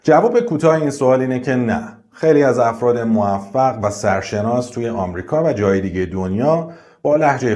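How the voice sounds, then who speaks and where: Low-voiced man teaching pronunciation. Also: darkish tone. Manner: clear, methodical explaining of pronunciation. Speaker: English teacher and video host. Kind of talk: explanatory language lesson.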